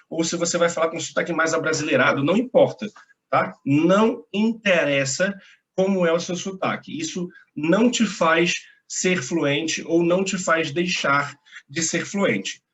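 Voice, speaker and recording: Chatty Brazilian man teaching, higher voice. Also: a bit bright. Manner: chatty, reassuring, uses slang and tag questions. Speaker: English teacher. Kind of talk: casual video lesson.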